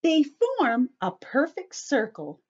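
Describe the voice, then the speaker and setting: Reading from a picture book to small children, a woman runs story time slowly, her pitch rising and falling over a wide range. Animated and teacherly, she explains things simply and asks questions to make sure they're following. The audio sounds a bit muffled and lo-fi.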